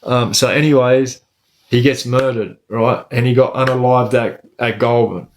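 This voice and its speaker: A man's voice: medium pitch, steady tone, measured pace, a little hiss or hum, poor audio. Australian man talking in eshay street slang. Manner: Aussie eshay street slang, says lad and bro often. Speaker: livestream host. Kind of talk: casual livestream storytelling.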